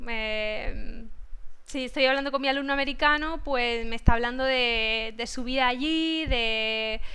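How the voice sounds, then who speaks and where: A Spanish teacher from Granada with an Andalusian accent, talking casually in a video-call interview, thoughtful and full of restarts. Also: female voice, a little high, a bit bright, clean tone. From Granada, southern Spain. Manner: thoughtful, many restarts and fillers.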